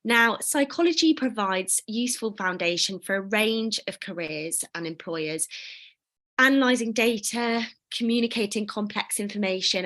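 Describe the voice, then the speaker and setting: A woman's voice: medium pitch, fairly bright tone. Woman, panel host, upbeat, scripted introductions, video call. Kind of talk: hosting an online panel.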